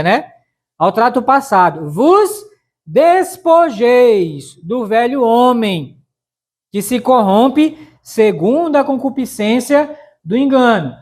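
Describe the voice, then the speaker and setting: A male missionary preacher giving a conversational Bible study in a church, talking folksily to the congregation and often asking them to confirm his points. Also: very high voice. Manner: folksy, addresses listeners as brothers with frequent tag questions. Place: church sanctuary.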